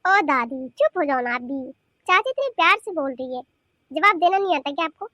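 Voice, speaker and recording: A woman's voice: high voice, big pitch swings, brisk, background noise. A woman voicing a cheeky, stubborn teenage granddaughter in a cartoon who argues back. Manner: talking back, whiny and argumentative. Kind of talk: cartoon voice acting.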